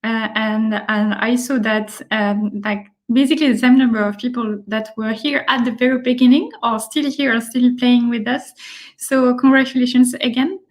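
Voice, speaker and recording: French woman hosting a zoom quiz wrap-up, cheerful, lots of ums, highish voice. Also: fairly even intonation, moderate pace. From France. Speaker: event co-host. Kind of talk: online meetup wrap-up.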